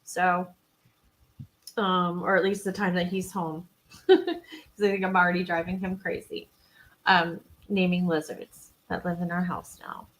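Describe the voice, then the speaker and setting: A woman's voice: on the low side, flat delivery, measured pace, low-quality recording. Woman rambling on a live podcast, giggly, kinda self-deprecating, super casual. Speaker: podcast co-host. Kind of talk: casual live-stream chat.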